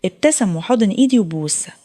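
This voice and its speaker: A woman's voice: mid-range voice, lively intonation, fast talker, dark tone. A woman with an Egyptian accent narrating a heartfelt first-person story. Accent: Egyptian Arabic.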